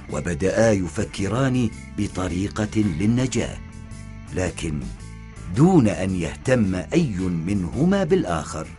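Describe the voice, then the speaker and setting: A man narrating a children's story in a measured, expressive storytelling manner. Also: fairly low pitch.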